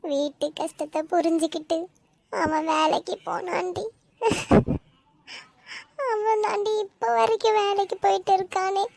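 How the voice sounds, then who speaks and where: A woman's voice: very high-pitched, steady tone, unhurried, dry recording. A woman voicing a grieving middle-aged mother in a cartoon, with a Tamil Nadu accent, talking in a tearful, sorrowful way. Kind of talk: cartoon voice acting.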